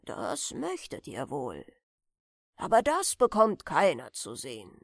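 A kindly old grandfather from a bedtime storybook, as a woman reader puts him on, talking slowly and thoughtfully in a dropped, gravelly voice. He lingers over each phrase with a soft, dry closeness. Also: wildly swooping pitch, dry recording, exaggerated voice. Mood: musing. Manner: slow, low, musing storyteller voice. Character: gentle old grandfather, a retired sea pilot.

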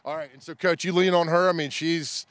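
A man's voice: a little high, fairly even intonation, brisk, a bit bright. A middle-aged man doing a casual live TV morning report and interviews outdoors into a handheld mic, with a folksy, joking manner. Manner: jocular, folksy. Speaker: TV field reporter. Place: outdoor soccer field. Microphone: handheld reporter microphone.

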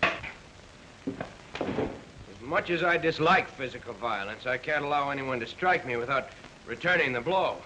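An actor playing a flustered, mild-mannered young husband in 1940s screwball comedy banter, stammering and fussily polite, on an old film soundtrack. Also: male voice, medium pitch, expressive, normal speed, pauses often, noisy background, close to an everyday voice. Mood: polite, puzzled.

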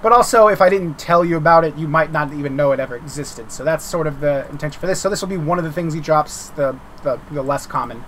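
A man with a slightly higher-pitched voice talks through updates in a loose, informal ramble. He often circles back on his words, like a developer chatting on stream. Faint noise sits behind his voice. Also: fast, few pauses, fairly bright tone. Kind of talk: casual unscripted update commentary.

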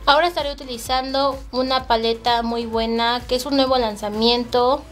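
A woman's voice: a little high, fairly even intonation, moderate pace, fairly bright tone, faint music behind. A woman with a Mexican accent hosting a makeup tutorial, talking chattily to her viewers step by step. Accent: Mexican Spanish. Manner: chatty, addresses viewers as girls.

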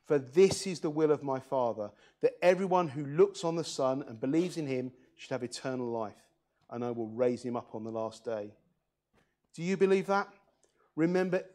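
A man's voice: mid-range voice, dark tone. Man, preacher, church sermon, earnest, reads scripture, asks questions.

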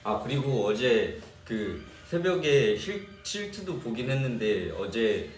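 A man's voice: mid-range voice, very animated, slow pace. Young man chatting with fans, echoey room. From Jeolla region, Korea. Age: young adult. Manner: chatty, reads and answers fan comments. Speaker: idol singer hosting a fan livestream. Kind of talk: casual livestream chat. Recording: echoey room, distant mic.

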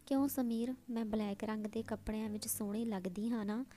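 A woman's voice: on the high side, steady tone, brisk, dark tone, lightly acted. A woman voicing a teasing young sister-in-law. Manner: playful, coaxing delivery.

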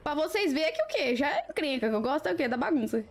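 High-voiced playful Brazilian woman. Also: sing-song, fast talker. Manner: playful, chatty, teasing viewers and laughing often. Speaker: livestream host. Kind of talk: casual live-stream chat with viewers.

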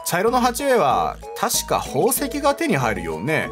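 A man's voice: a little high, huge pitch swings, a little slow, music in the background. A man reading out the lines of a blunt, sassy woman guide in a game, in haughty feminine speech. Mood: explaining.

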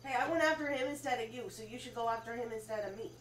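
A woman's voice: on the high side, rapid-fire, a bit bright, reverberant, far from the mic, a little hiss or hum. A woman playing a video game with others, chatting playfully and complaining about being targeted. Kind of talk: casual gaming banter.

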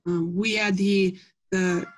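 A woman's voice: medium pitch, level tone, slow, low-quality recording. A young woman from Iowa answering interview questions about her project, talking earnestly with many ums and restarts. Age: young adult. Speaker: interviewee, Gold Award scout.

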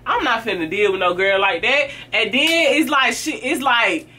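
A woman's voice: fairly high pitch, expressive, normal speed, sharp tone, husky. A woman vlogger giving blunt, sassy advice about fake friends in casual talk to camera, acting out what friends say. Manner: blunt, sassy, acts out friends' lines in quoted voices.

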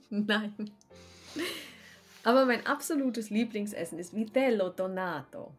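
A woman's voice: medium pitch, slow, pauses often, faint music behind. A woman playing her character in a tabletop role-playing game over a video call, with dry, understated quips. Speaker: player.

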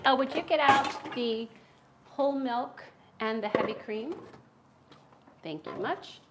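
A middle-aged woman with a Philadelphia accent, hosting a live cooking stream in her big home kitchen, talks and laughs a lot while cooking. Her voice is on the high side and she takes it slowly; the sound, caught by a camera across the room, is very noisy.

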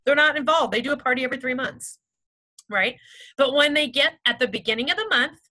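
A woman in her thirties runs a sales team meeting in an upbeat, chatty way, peppering her talk with "like" and "okay". Her voice sits high and sounds bright. She keeps pushing her team toward their goals. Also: a little fast, poor audio.

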